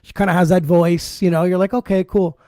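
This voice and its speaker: A podcast host in casual chat, chatty and quick to agree with and encourage the guest. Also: mid-range voice, little pitch movement, warm tone, dry recording.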